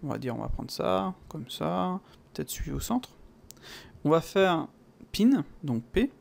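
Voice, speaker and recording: A French-accented man walks through a software tutorial in a loose, chatty way, dropping fillers and playful sound words as he clicks along. His voice sits a little high for a man and has a gravelly edge. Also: sing-song, a little slow. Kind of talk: casual screen-recorded tutorial.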